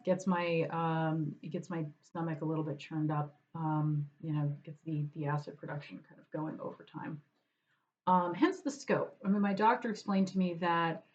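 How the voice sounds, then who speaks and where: A woman's voice: fairly low pitch, muffled recording. A woman vlogging at home, chatting casually and meandering over her lunch. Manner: chatty, meandering, talks to her cat aside.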